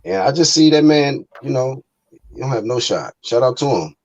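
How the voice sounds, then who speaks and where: A man's voice: medium pitch, lively intonation, normal speed, creaky, darkish tone, highs cut off. A man co-hosting a casual boxing chat, speaking in slang and offering confident fight predictions. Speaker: boxing podcast co-host.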